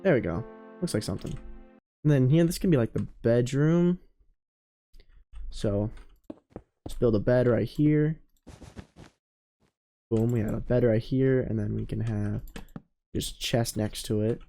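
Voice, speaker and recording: A man's voice: medium pitch, measured pace, vocal fry, long pauses, mellow. A man hosting a let's play, giving casual commentary as he builds and thinking aloud, often trailing off, restarting and correcting himself. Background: faint background music.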